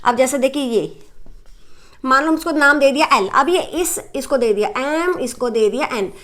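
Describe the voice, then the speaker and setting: A woman's voice: high voice, animated, moderate pace, fairly bright tone. A young Indian woman teaching a maths lesson, explaining step by step in Hindi mixed with English terms and often checking in with "right?".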